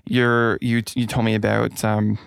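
Gravelly, flat-voiced man hosting. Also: on the low side, no echo, studio quality. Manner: halting, many fillers, supportive. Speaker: podcast host and co-writer.

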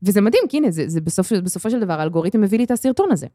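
Brief: lively podcast co-host woman, dry close-mic sound. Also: mid-range voice, dry recording. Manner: lively, animated storyteller. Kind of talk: casual chat.

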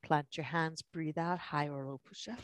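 A yoga instructor slowly coaching breath and movement through a guided class in short, spaced phrases. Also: medium pitch, fairly even intonation.

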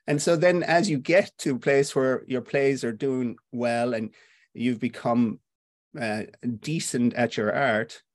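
A man's voice: medium pitch, unhurried, no echo. Irish male playwright guest, reflective and musing, dry close mic. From Ireland. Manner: reflective, with frequent fillers and restarts. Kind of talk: conversational interview.

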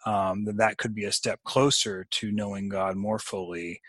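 A man co-hosting a podcast, talking through a book in a halting way with many fillers and restarts, then reading a scripted sign-off. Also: lowish voice, fairly even intonation, fairly bright tone, no echo. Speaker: podcast co-host. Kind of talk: casual book discussion and scripted outro.

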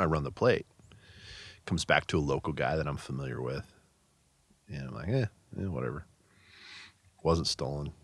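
Gravelly deep-voiced police veteran. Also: male voice. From Pacific Northwest, USA. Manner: blunt, profane, wry. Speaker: police patrol supervisor, guest. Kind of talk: casual storytelling in an interview.

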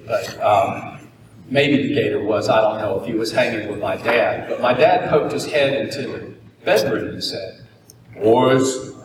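Folksy keynote speaker from Florida, joking storyteller; boomy hall, distant mic. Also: male voice, noisy background. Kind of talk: motivational keynote speech. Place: conference hall. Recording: echoey hall, mic far off.

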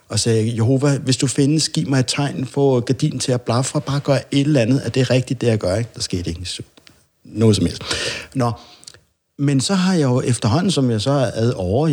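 Podcast guest, male, husky, rambling anecdotal storyteller who voices his quotes. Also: medium pitch, a little mellow. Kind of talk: casual storytelling chat.

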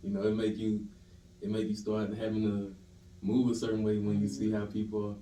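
A man guest talking in a calm, laid-back, slangy way in casual conversation. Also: on the low side, brisk, a little hiss or hum. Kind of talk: casual interview chat. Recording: echoey room, mic at a distance.

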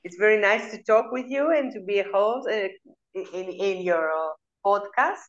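A Greek nutritionist in her forties, a woman from Greece, answers interview questions as a guest in casual English with a Greek accent and frequent hesitant fillers. Her voice is mid-range at a moderate pace, and the sound is lo-fi.

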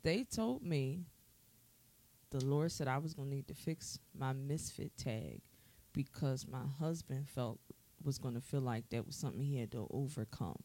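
A woman's voice: extremely low pitch, moderate pace, mellow. An American woman talking candidly and emphatically in a casual panel discussion.

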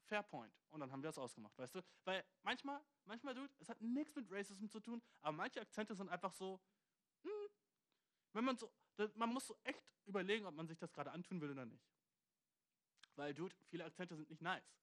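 A young man doing a comedy rant, slangy and loose, throwing in 'dude' constantly and jumping up in pitch for emphasis. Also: brisk. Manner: slangy, loose, full of 'Dude' and 'weißt du'; animated, jumps into high pitch for emphasis.

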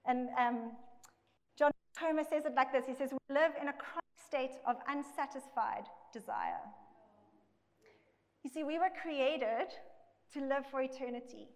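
A high-voiced woman preaches a sermon, and her voice rings out with a long echo through a big hall. She talks in a loose, conversational way and keeps checking in with "okay.". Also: a little slow, darkish tone. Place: large church hall with a congregation. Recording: echoey recording in a big hall.

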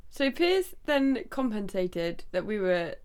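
A woman's voice: medium pitch, very animated, slow pace, darkish tone, clean tone. A tired young woman co-hosting a casual podcast, chatty and trailing off with questions. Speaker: podcast co-host. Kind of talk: casual chat.

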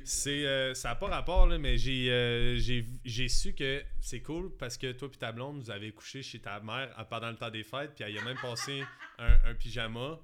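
A man's voice: medium pitch, moderate pace, hardly any pauses, fairly bright tone, a little hiss or hum. A man with a Quebec French accent, co-hosting a podcast and teasing his co-host in casual chat, often laughing as he talks. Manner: teasing, laughs while talking.

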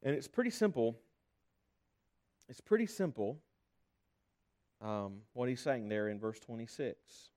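A man's voice: medium pitch, big pitch swings, measured pace, long pauses, a little mellow. A man preaching a sermon as pastor, earnest and conversational, often restarting his phrases.

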